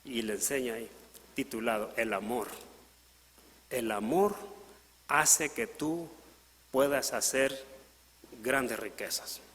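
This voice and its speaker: A man's voice: medium pitch, unhurried, long pauses, big-room sound. A man preaching a sermon in Latin American Spanish, retelling a parable and briefly voicing its characters. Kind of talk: sermon storytelling. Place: church.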